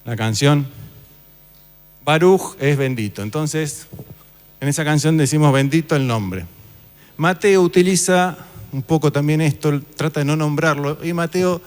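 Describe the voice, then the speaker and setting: A man's voice: a little high, unhurried, darkish tone, clear, resonant tone. A man giving an informal Bible class, talking casually and quizzing his listeners. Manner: conversational, asks the audience questions. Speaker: church teacher. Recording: reverberant hall.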